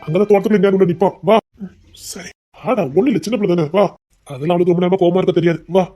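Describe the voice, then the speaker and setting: A man's voice: high-pitched, fairly even intonation, racing, lo-fi sound, soft background music. A man in a Tamil audio drama voicing a remorseful husband and worried family man who speaks earnestly and pleads. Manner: pleading, earnest, heavy with regret.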